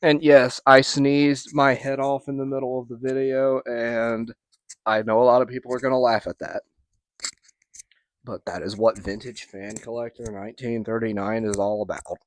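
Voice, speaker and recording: A man runs his own vintage fan collector channel, casually showing off an old fan in a demo video full of rambling asides and restarts. He speaks in a flat, mid-range voice at a moderate pace, with slight background noise.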